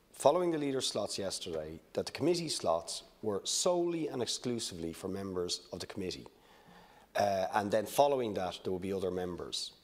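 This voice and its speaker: An Irish man making a procedural protest in parliament, insistent and halting, repeating himself. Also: on the low side. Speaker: opposition parliamentary deputy.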